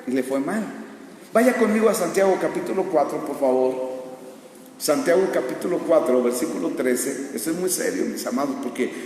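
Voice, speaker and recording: A man with a Mexican Spanish accent preaching a sermon in a church, bursting into shouted climaxes and asking rhetorical questions. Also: on the high side, expressive, moderate pace, a little hiss or hum. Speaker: pastor. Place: church sanctuary. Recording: echoey church hall, far from mic.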